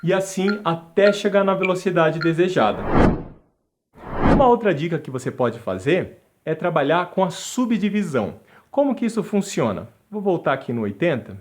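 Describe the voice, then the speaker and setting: A man's voice: a little high, big pitch swings, normal speed. A man teaching a music lesson, counting beats aloud and chanting syllables along with a metronome. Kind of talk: instructional video lesson.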